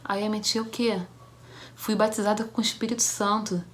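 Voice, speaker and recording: A young woman from Brazil shares a personal testimony for a church devotional. She tells it as a story, with halting restarts, and acts out the voices of the people in it. Her voice sits at a middle pitch. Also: little pitch movement, fairly bright tone, a little hiss or hum.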